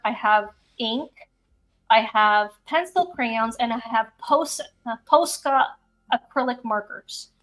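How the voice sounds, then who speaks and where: Higher-voiced woman, sounding far from the mic. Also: fairly bright tone. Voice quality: distant-sounding, away from the mic. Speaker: artist and show host. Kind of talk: casual chat while showing artwork. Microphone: speaker sitting far from the microphone. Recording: distant from the microphone.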